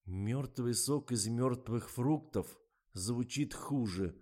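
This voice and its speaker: A man voicing a stiff, deadpan young male company representative in a suit. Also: medium pitch, a little slow, lightly acted.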